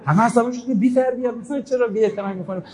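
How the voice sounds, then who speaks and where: A man's voice: extremely high pitch, mellow, rough recording. A man giving a religious talk, telling stories in a conversational way and quoting scripture. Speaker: preacher.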